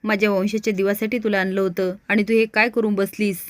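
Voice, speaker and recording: A woman's voice: mid-range voice, flat delivery, fairly quick, dry recording, close to an everyday voice. A woman reading the lines of a furious grieving grandmother. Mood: scolding. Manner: scolding, accusing.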